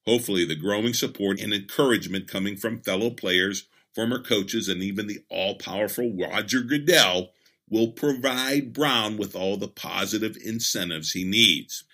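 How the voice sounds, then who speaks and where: A man hosting a sports podcast, reading a scripted opinion update in a measured, emphatic way. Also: on the low side, sharp tone.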